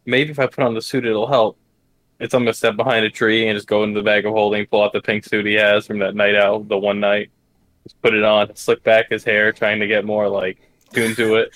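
A man's voice: lowish voice, flat delivery, brisk, a bit bright, no echo. A man playing a tabletop role-playing game, speaking casually in character with hesitant restarts.

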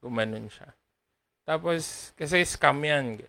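A man co-hosting a casual podcast, retelling stories in an animated way. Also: on the high side, slow, gravelly, no room sound. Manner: animated storyteller, retells anecdotes with quoted voices. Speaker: podcast co-host. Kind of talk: casual chat.

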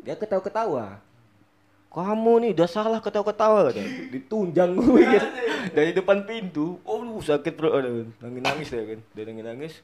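A young man telling a story in casual chat, animated and laughing often as he acts out what people said. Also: fairly high pitch, brisk, hardly any pauses, crowd noise. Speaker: storyteller guest.

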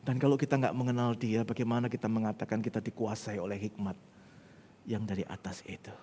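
A man preaching a sermon as pastor, swinging from loud urgent appeals to hushed whispers and acting out prayers. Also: fairly low pitch, level tone, a little fast, a little hiss or hum. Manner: acts out prayers and quoted voices. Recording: long hall reverb.

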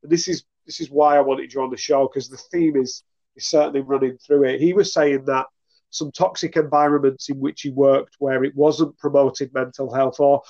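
A man with a northern English accent from around Greater Manchester hosts a casual interview. His voice sits slightly high, and the recording is a little dull and very dry, with an informal conversational feel. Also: a little mellow, dry recording. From Rochdale, northern England. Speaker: podcast host.

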